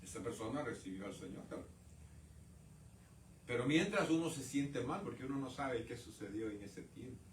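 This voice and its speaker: Impassioned preacher, echoey church. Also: male voice, mid-range voice, lively intonation, normal speed, far from the mic, slight background noise. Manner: impassioned, swings from loud outbursts to quiet asides; addresses the congregation as brothers. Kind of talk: sermon. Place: church sanctuary. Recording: roomy church sound from off-mic.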